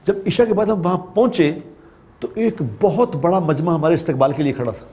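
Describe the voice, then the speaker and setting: Pakistani guy preaching, tells a story, repeats stuff for emphasis, fairly high voice. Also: lively intonation, mellow. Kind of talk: religious storytelling sermon.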